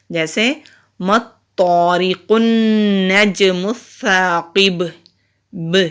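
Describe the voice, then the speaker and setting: A woman teaching Quran reading with an Urdu accent, spelling words out slowly syllable by syllable and then explaining the rules more briskly. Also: mid-range voice, a bit bright. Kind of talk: spelled-out recitation lesson.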